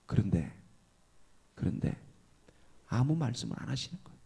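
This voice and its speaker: A man's voice: medium pitch, big pitch swings, moderate pace, creaky, warm tone, slightly rough. A middle-aged male pastor with a Gyeongsang dialect, telling a heartfelt story in a sermon and often dropping to a whisper.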